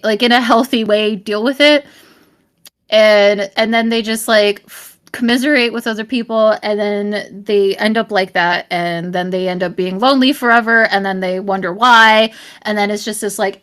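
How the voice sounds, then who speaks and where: A young adult woman live-streaming, talking straight to her chat in a blunt, profane, rambling rant, at times shouting and often apologizing. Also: on the high side. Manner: profane, blunt, swears constantly. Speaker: livestreamer.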